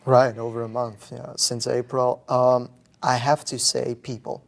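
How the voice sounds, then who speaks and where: A man's voice: mid-range voice, flat delivery, a little slow, gravelly. A young man from the Czech Republic, a native Czech speaker, talking thoughtfully in a casual interview and often restarting his sentences. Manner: thoughtful, restarts and repeats words. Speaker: guest, museum visitor.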